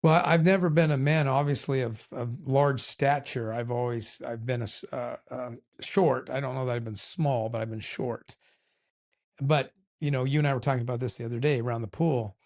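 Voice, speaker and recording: A man's voice: medium pitch, fairly even intonation, normal speed, darkish tone. An older man co-hosting a podcast with his wife, talking candidly and a little ramblingly, poking fun at himself. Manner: candid, rambling, self-deprecating. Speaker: podcast co-host. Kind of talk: casual chat.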